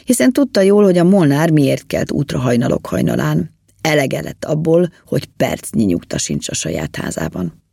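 Brief: storybook narrator, woman, husky and animated, close and dry. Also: a bass voice, dry recording. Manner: lively and expressive. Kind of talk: storybook reading.

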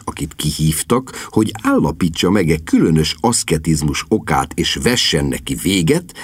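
Expressive man narrating an audiobook. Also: deep voice, breathy edge, no echo. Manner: wry, expressive storytelling. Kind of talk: scripted narration.

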